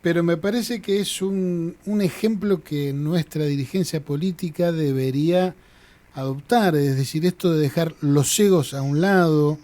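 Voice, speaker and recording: A man's voice: fairly high pitch, a little slow, warm tone. A man hosting an interview, courteous and effusive in his thanks to the guest. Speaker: interview host.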